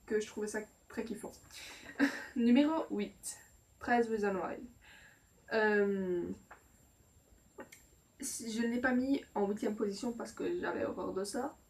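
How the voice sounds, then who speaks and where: A woman's voice: mid-range voice, darkish tone. A woman vlogger chatting casually about her favorite series, hesitant, with many fillers and restarts. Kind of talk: casual chat. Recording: distant mic with faint noise.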